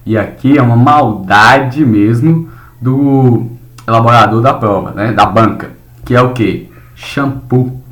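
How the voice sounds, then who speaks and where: A man's voice: medium pitch, a bit bright. A man teaching a recorded spelling lesson, explaining casually and often checking in with short tag questions. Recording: echoey room.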